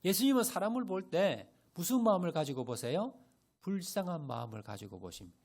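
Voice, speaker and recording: Animated man preaching a sermon. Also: high voice, fairly quick. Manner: preaching with rhetorical questions to the congregation; animated, rising and falling emphasis. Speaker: pastor. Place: church sanctuary.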